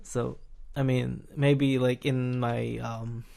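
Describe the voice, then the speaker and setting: A man's voice: mid-range voice, level tone, takes it slowly, gravelly, warm tone. A man hosting a casual podcast chat, talking hesitantly with frequent fillers and restarts and chuckling as he talks. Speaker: podcast host.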